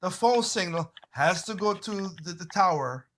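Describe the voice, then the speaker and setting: High bright-voiced man telling animated stories. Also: moderate pace, a little hiss or hum. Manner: animated storyteller, swears freely, exclaims loudly; repeats and restarts phrases. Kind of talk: casual group chat.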